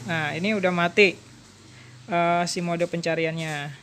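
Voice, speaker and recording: A woman's voice: fairly low pitch, fairly even intonation, unhurried, a bit bright, slight background noise. Chatty woman. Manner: chatty, explains step by step. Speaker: motorcycle alarm installer. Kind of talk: casual product demonstration.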